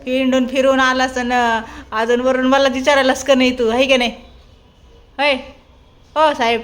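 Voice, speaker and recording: A woman's voice: sits high, level tone, normal speed. A woman at home talking casually to her dog, scolding and teasing it with the same questions again and again. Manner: teasing and affectionate. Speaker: pet owner. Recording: loud background noise, dog sounds.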